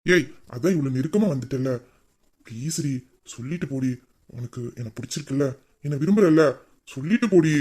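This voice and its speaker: A voice actor playing a playful young husband in a romantic audio drama, teasing and coaxing, often dropping to soft low murmurs. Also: animated, fairly quick, lightly acted. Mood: murmuring.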